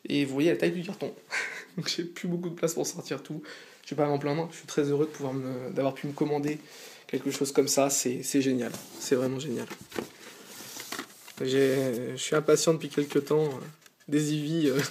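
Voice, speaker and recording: A man's voice: a little high, a little mellow. Tired guy unboxing stuff on his couch, eager and chatty, lots of ums, faint hiss behind. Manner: eager, chatty, frequent hesitations. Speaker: channel host. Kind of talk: casual unboxing vlog. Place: on a small sofa indoors.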